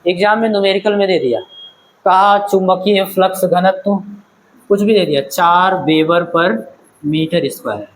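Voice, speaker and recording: A man's voice: high-pitched, normal speed, slight background noise, low-quality recording. A man teaching a physics class in a classroom-lecture style, asking questions and checking that the students follow. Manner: questioning, checks understanding, calls students "beta".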